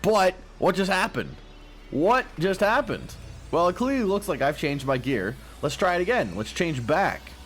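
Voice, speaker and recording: Man, gaming vlogger, self-deprecating rambler, morning voice cracking, slightly high voice. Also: sing-song, a little slow, slight background noise. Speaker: gaming YouTuber. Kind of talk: casual gameplay commentary. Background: faint music stream.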